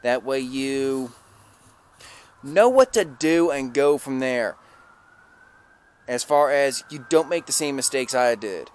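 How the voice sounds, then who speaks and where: Speaking slowly and expressively with frequent pauses, this middle-aged man has a mid-range voice. He's a vlogger in a residential yard, standing by a vehicle and casually explaining his truck project to a handheld camera held at arm's length. The audio is clearly noisy and outdoorsy, with clicks.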